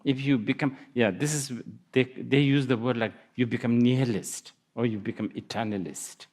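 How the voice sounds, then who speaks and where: A man's voice: medium pitch, fairly even intonation, moderate pace, darkish tone. A man giving a Buddhist dharma talk, musing aloud with laughs and hesitant restarts. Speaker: Buddhist teacher. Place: lecture hall.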